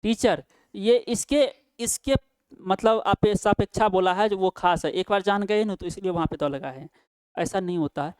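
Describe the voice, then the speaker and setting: A man's voice: sits high, moderate pace, darkish tone, clean tone, no room sound. A male teacher gives a grammar lesson, asking questions and answering them himself, with frequent checks like "right?". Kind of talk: Hindi-language English grammar lesson.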